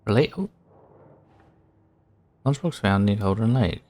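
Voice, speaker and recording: A man's voice: on the low side, animated, measured pace, darkish tone. A man casually commenting while playing a horror video game, muttering his thoughts aloud with a wry edge. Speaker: gaming channel host. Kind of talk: casual let's-play commentary.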